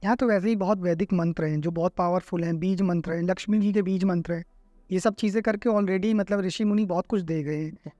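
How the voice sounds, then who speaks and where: A man with a high voice hosts a conversational podcast interview. He asks reflective questions, pausing on fillers while he works them out. The recording is dry and close to the mic. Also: steady tone, darkish tone, no echo, faint music behind. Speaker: podcast host.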